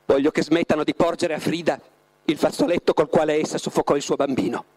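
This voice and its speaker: A hesitant young woman , read by a man, stumbles and restarts as she makes her request. The delivery stays close to a plain reading voice. There is a halting, anxious edge to it. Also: fairly high pitch, fairly even intonation, darkish tone, lightly acted. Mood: earnest. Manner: halting, stumbling over words. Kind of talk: dramatic reading aloud.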